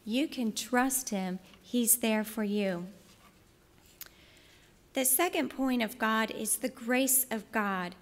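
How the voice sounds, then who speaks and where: A woman's voice: a little high, slow pace. A woman giving a heartfelt personal testimony and devotional teaching, telling her story in an earnest way. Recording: long reverb in a large hall.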